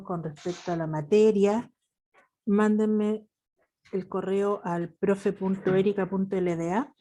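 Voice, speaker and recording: Chilean woman, math teacher, online class, patient and affectionate, mellow tone. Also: on the low side.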